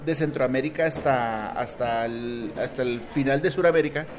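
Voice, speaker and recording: A man's voice: mid-range voice, moderate pace, crowd noise. A man, co-hosting a podcast in a joking, slangy way. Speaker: podcast co-host. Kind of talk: casual podcast chat.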